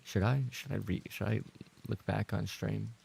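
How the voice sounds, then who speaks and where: Reading viewer messages aloud and reacting to them, a streamer who also does roleplay voice work talks casually in a lowish, darkish, very gravelly voice with creak running through it. His tone holds steady at a normal speed. Flustered, he repeats phrases, and he leans into sweary, playful mock outrage.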